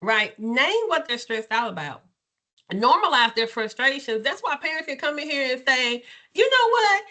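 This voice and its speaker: A woman's voice: sits high, lively intonation, normal speed, bright, forceful tone. A woman counselor leading a webinar for clinicians, teaching in a candid, chatty way and often checking in with "right?".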